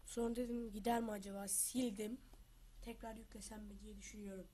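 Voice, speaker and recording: A woman hosting her gaming channel while down with the flu, talking through her game in a loose, chatty way. She shouts excited trash talk at other players, then sinks into low, half-whispered muttering as she plans her moves. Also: fairly quick, breathy edge. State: has the flu. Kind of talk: casual gameplay commentary.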